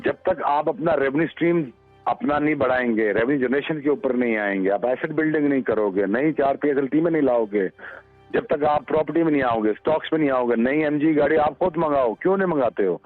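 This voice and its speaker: Aadmi, phone jaisi patli awaaz, thodi oonchi pitch, sukhi awaaz. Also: male voice, brisk, no room sound, faint music behind. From Pakistan. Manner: lecturing, forceful advice. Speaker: TV panel guest. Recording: tinny phone-like broadcast audio.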